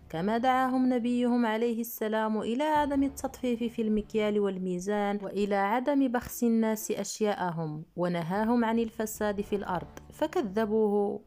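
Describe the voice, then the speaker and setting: A woman's voice: mid-range voice, dark tone. A woman storyteller giving scripted narration of a religious story, in a solemn and formal manner.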